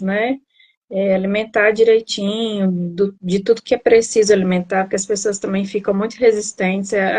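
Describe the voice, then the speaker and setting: A woman's voice: mid-range voice, darkish tone. A woman nutritionist with a Brazilian Portuguese accent, explaining health advice in a casual live interview, with many tag questions and restarts. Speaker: nutritionist guest. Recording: video call.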